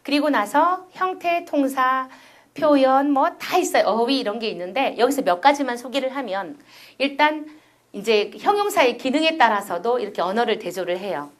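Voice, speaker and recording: A middle-aged woman giving a recorded university lecture, explaining step by step and often asking her listeners rhetorical questions. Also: on the high side.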